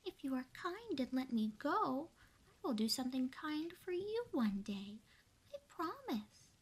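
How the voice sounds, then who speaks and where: A woman voicing a tiny, polite female mouse in a high, pleading whisper for a whispered role-play bedtime story. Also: sing-song, unhurried.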